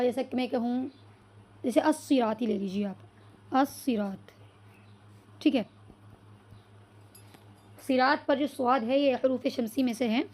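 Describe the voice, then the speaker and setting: This Arabic teacher's voice is high and darkish. She works through questions she answers herself, often asks the class "clear so far?", and takes Arabic words slowly, letter by letter.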